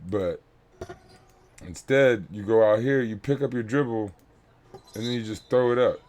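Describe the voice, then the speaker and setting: A man's voice: lowish voice, a little slow, a little mellow. A man coaching a youth basketball team, breaking down game film for his players in a blunt, instructive way and repeating key points.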